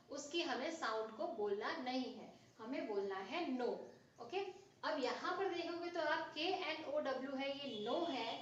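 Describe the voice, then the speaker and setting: A woman teaching children, reading each word aloud clearly and then explaining it patiently. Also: high-pitched. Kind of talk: slow word drill and explanation for kids. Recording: echoey, distant, dull sound with faint hiss.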